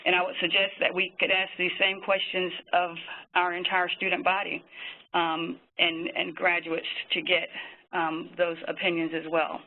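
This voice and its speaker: A man with a high voice, speaking in a flat and even tone. He gives prepared webinar remarks at a measured pace, pausing often on fillers. The sound is thin and tinny, like a phone line. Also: slight background noise. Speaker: physician panelist.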